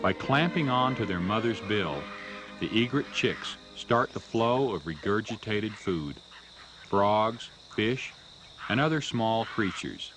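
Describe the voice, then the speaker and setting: A man narrating a scripted nature documentary in a measured, storytelling way. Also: fairly low pitch, lively intonation, over music.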